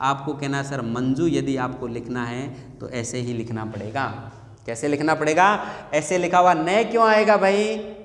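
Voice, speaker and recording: A male teacher conducts a classroom lesson through repetitive call-and-response drilling, firing questions at students and having them answer. His voice is medium-pitched, fairly bright, and measured, recorded in an echoey room with long reverb.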